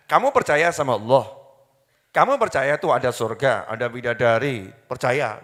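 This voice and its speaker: A man's voice: high-pitched, pushed and bright. A man preaching an Islamic sermon to a live audience, questioning the listeners, repeating key words and chanting Arabic quotations. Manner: mixes in Javanese phrases and Arabic quotations. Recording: long hall reverb.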